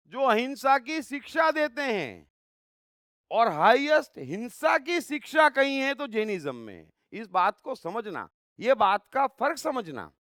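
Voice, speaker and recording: A man delivers an unhurried spiritual discourse, his pitch rising and falling widely as he presses each point. His voice is smooth and clean and sits in a dry, close sound. He talks emphatically, asks rhetorical questions and repeats phrases for weight. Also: pushed and bright, dry recording. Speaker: spiritual speaker.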